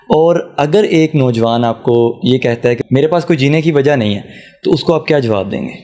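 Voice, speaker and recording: A man's voice: medium pitch, mellow. A man hosting an interview, who agrees briefly and then poses questions to his guest.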